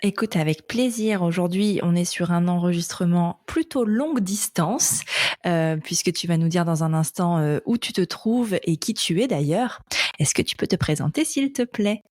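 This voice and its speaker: A woman with a lowish, slightly mellow voice speaks animatedly at normal speed, recorded at studio quality with no echo. As a podcast host, she opens the show and carries on a conversational interview, speaking informally and directly and addressing both the listener and her guest familiarly.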